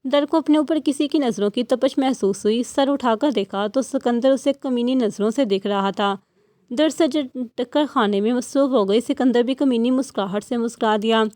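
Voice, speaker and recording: Female audiobook narrator, steady, expressive, slightly high voice. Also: dry recording. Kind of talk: audiobook novel reading.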